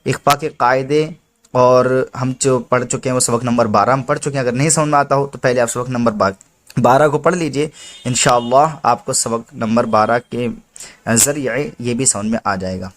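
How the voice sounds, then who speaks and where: A man's voice: medium pitch, normal speed. A man teaching Quran reading step by step, patiently explaining each rule and drawing out the letter names as he recites them.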